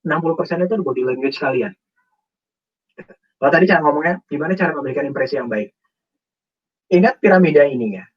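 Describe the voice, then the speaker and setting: A man's voice: fairly high pitch, fast talker, long pauses, slightly rough, far from the mic, lo-fi sound. A man speaking as a guest on a webinar, explaining job interview tips and acting out example phrasings. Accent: Indonesian. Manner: animated, acts out example phrasings.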